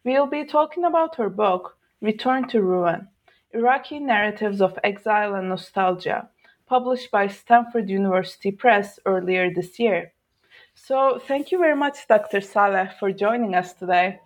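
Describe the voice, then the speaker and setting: A woman hosting an academic podcast, reading a formal introduction and asking measured questions. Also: mid-range voice. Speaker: podcast interviewer. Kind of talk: scripted introduction and interview questions.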